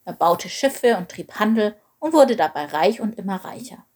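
A woman voicing a gentle, wise old female elephant who tells stories in a storybook reading, calm and measured. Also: mid-range voice, natural voice. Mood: telling.

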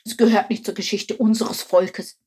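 A woman's voice: mid-range voice, steady tone, normal speed, a little mellow, breathy edge. A woman voicing a know-it-all male frog who tells the story in a matter-of-fact, slightly smug way.

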